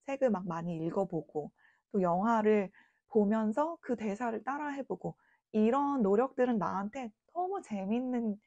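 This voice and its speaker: Woman in her late thirties from South Korea, vlogger, chatty and reflective, warm low-key tone, dry close sound. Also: no echo, lo-fi sound. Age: late 30s. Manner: chatty and reflective, informal speech. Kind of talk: casual talking-to-camera vlog.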